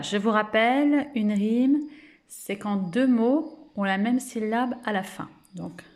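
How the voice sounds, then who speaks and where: Slow, deliberate French teacher in an echoey room. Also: female voice, mid-range voice, darkish tone. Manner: slow, deliberate, stretches out words and syllables; encouraging, praises often. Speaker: kindergarten teacher. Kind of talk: remote phonics lesson for young children.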